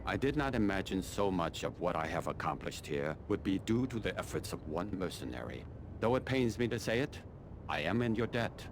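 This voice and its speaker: The speaker is a very animated, low male voice cast as a video game colonel, a cold, calculating, middle-aged Chinese army commander giving mission briefings over noisy ambience. He sounds grandly satisfied yet stays measured, formal, imperious, and dryly condescending.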